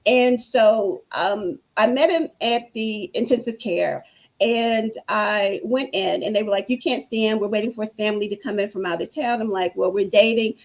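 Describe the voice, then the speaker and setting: A woman appears as a guest on a talk show, giving a personal testimony of her own story in an earnest, preacherly manner. Her mid-range voice moves at normal speed, and the recording is rough.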